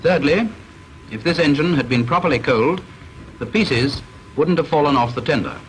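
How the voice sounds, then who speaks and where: On a rough vintage recording with faint hiss, a British man narrates a training film from a formal script. He sounds measured, stern and instructive, yet his voice is on the high side, expressive and a bit bright.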